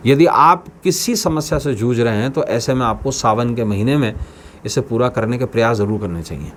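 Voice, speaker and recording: A man's voice: medium pitch, moderate pace, a little hiss or hum. A man hosting his own channel as an astrologer, addressing viewers in a scripted talk with emphatic, repeated phrases. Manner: declaiming, with emphatic repetitions. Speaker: astrologer host.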